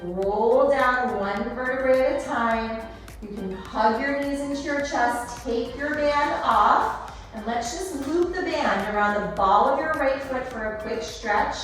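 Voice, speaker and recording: Female aerobics instructor, higher-pitched, encouraging, counting reps; very reverberant room with music underneath. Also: a little slow, a bit bright. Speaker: Pilates fitness instructor. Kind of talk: aerobics instructor cueing and counting through a workout. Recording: echoey room, distant, music behind.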